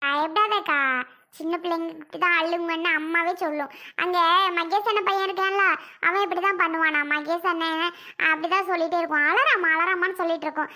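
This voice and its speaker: A chirpy little cartoon girl speaks in a very high, bright voice. She coaxes and reassures, eager to help with her baby brother. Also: steady tone, a little fast, full character voice. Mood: reassuring. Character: helpful little girl, eager younger sister. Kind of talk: cartoon voice acting.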